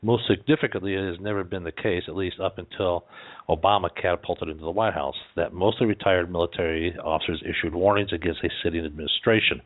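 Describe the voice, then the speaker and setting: Low-pitched man reading commentary, dull lo-fi sound. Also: steady tone, quick pace. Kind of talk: scripted political commentary. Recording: dull, band-limited lo-fi audio.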